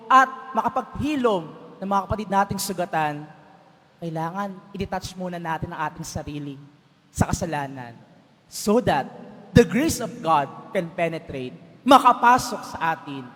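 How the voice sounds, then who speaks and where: Priest preaching a homily, guy with a really high voice, big church echo, tells stories and asks the crowd to answer. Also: a bit bright. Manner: storytelling, asks the congregation to answer. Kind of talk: homily at Mass. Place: large church. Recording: long church reverb.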